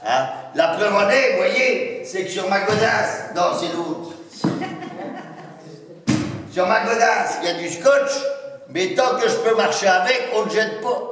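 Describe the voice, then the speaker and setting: A man's voice: high voice, unhurried, a bit bright. A man with a Norman accent doing a folksy, teasing stand-up monologue before a live audience, full of interjections and rural slang. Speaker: stage comedian. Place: large indoor hall with a live audience. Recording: echoey hall, recorded from far off.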